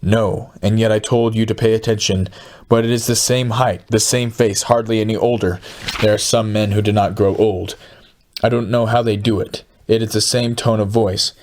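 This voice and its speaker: A man reading the part of a scheming, gloating poor man who plots a crime in a storybook, excited and sinister. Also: on the low side, moderate pace, natural voice. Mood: excited, insistent.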